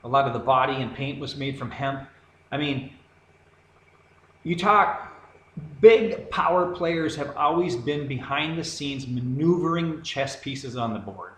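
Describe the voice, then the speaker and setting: A man's voice: mid-range voice, measured pace, fairly bright tone. Ranting man in an echoey room. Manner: heated, rambling, sarcastic. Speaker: video commentator. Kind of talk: ranting monologue. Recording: echoey room with faint background noise.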